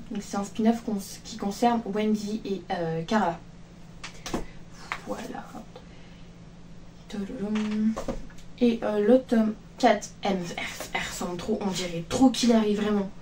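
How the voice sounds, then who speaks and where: A woman's voice: medium pitch, mellow. Woman, casual vlog chat, rambling, filler-heavy, a bit distant from a phone mic, faint background noise. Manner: chatty, rambling with many fillers and restarts. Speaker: manga vlogger. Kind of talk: casual book haul chat.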